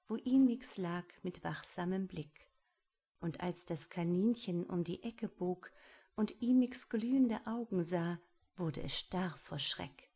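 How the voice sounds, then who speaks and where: Woman narrator, fable reading, calm, soft, husky, unhurried. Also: lowish voice. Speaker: storyteller.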